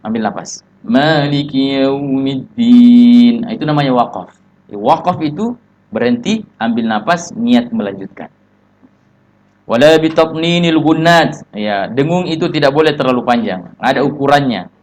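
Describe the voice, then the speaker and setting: A man with an Indonesian accent teaching tajwid, explaining in short phrases and slipping into slow chanted recitation. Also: medium pitch, expressive. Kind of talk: religious tajwid lesson with recited examples.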